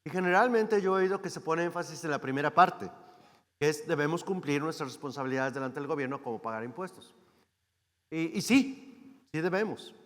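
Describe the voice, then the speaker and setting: Delivering a sermon as a guest preacher, this man from Mexico has a fairly bright voice that sits somewhat high for a man. Rhetorical questions let him keep checking in with the congregation, while the church hall adds a long, trailing reverb.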